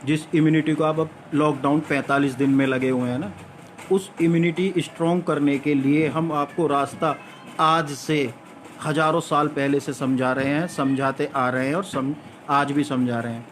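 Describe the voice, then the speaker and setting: A vlogger speaks to his viewers in a lecturing, argumentative monologue, posing rhetorical questions and repeating points for emphasis. His voice is on the high side, with fairly even intonation and a normal pace. A little hiss or hum sits under the recording.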